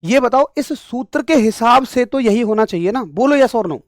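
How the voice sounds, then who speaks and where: High-voiced man teaching, dry close sound. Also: lively intonation, normal speed, no room sound. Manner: emphatic, scolding then explaining step by step; addresses students directly, repeats key points. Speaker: physics teacher. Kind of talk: online class lecture.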